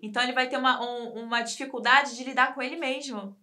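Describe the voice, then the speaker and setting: A woman with a Brazilian Portuguese accent discussing a case on a talk program, reflective and thinking aloud with pauses. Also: high voice, steady tone, bright, forceful tone.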